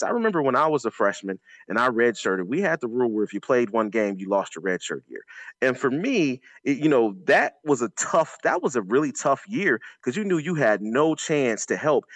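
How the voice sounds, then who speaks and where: In a dry recording, a man with a medium-pitched, somewhat bright voice gives chatty sports analysis. He is an announcer and ex-college running back, speaking emphatically, reusing phrases, and pulling in anecdotes.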